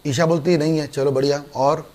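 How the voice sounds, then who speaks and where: An Indian man lectures on law to an online class in an animated way. He keeps switching into little scenes, playing both himself and his students. His voice sits slightly higher than most men's. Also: brisk. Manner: animated, acts out student dialogues.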